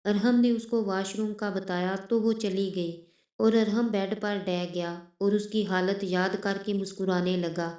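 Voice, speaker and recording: A woman storyteller reading a scripted story in a steady, emotive manner. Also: mid-range voice, measured pace, reverberant.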